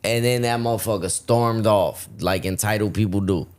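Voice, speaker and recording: Deep-voiced man telling a profane story. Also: normal speed, darkish tone. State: losing his voice. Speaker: podcast host. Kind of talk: casual storytelling chat.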